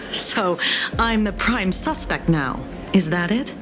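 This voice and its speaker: A woman playing a shrewd, teasing police detective in a video game, with a measured, skeptical delivery. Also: mid-range voice, lively intonation, music in the background. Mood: composed, skeptical.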